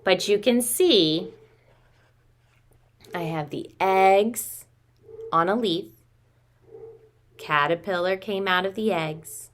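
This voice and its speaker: A preschool teacher in her thirties, medium-pitched and slow with frequent pauses, talks young children through a craft demonstration. She keeps it simple and child-directed, treats them as friends, and is in a small room at home.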